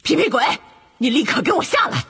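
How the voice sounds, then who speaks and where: A woman's voice: high-pitched, very animated, fairly quick, creaky, a bit bright, exaggerated voice. A woman voicing a stern older female professor in an audiobook, commanding and scolding. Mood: stern, angry. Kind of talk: audiobook character acting.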